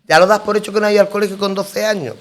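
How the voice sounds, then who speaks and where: A middle-aged woman speaking as a guest in a round-table radio conversation. She tells her story lively, slipping into the voices of the people she quotes. Her talk rambles, with restarts and repeated words for emphasis. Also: mid-range voice, racing. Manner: lively storyteller who acts out quoted dialogue.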